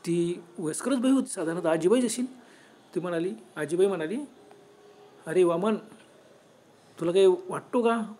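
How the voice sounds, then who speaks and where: A man with a Marathi accent narrating a horror story, lively and acting out the people he quotes. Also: high-pitched. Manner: animated, acts out quoted voices.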